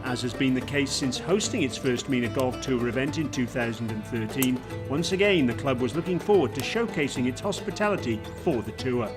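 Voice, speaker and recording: A man hosting a golf highlights show, reading a smooth, measured scripted voice-over. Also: lively intonation. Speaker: show host and narrator. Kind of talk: scripted sports narration. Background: music.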